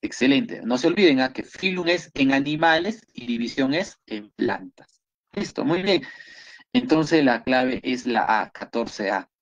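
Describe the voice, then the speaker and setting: A man with a Peruvian Spanish accent leads an online biology review class over a computer microphone. His voice sits at an ordinary middle pitch, and the audio comes through muffled and lo-fi. He keeps up a steady stream of approving feedback to his students. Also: a little slow. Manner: encouraging, repeats praise often. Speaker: biology teacher.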